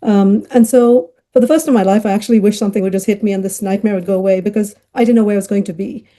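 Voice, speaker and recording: A middle-aged woman raised in Ghana, a child psychiatrist appearing as a podcast guest, recounts her life story in a chatty interview full of fillers and laughter. Her medium-pitched voice is steady and dark, and she talks very fast.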